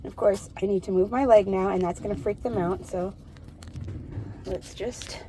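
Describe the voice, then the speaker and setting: An American woman chatting casually to camera while sitting outdoors in an animal pen, gently soothing the animals. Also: medium pitch, steady tone, normal speed, slight background noise. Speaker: homestead vlogger. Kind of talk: casual vlog narration.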